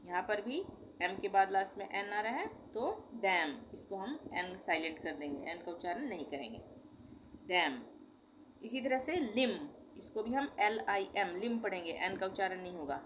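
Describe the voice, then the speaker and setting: A woman's voice: mid-range voice, expressive, normal speed, slight background noise. A woman teaching a language lesson, patiently spelling out words letter by letter and repeating each one.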